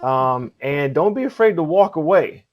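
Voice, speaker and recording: A cosplay contest host and judge, his voice a little high and his pace moderate, chats casually in an interview. Relaxed and talkative, he acts out quoted exchanges and gives earnest advice, repeating points for emphasis.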